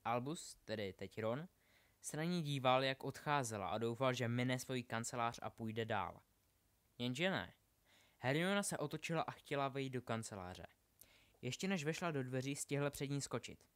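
A man narrating a novel aloud in steady storytelling, slowing down for effect. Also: medium pitch, smooth. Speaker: reader. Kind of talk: audiobook narration.

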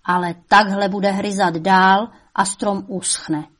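A woman doing a shrill scolding old devil's mother. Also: steady tone, fairly bright tone, lightly acted. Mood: coaxing.

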